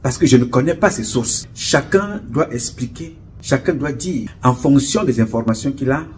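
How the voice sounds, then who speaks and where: A man from Cameroon, speaking straight to camera to his supporters in a solemn, measured, rhetorical way, repeating and listing words for weight. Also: mid-range voice, animated, soft background music. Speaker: association spokesman addressing followers. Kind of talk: direct-to-camera address. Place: indoor studio with camera crew.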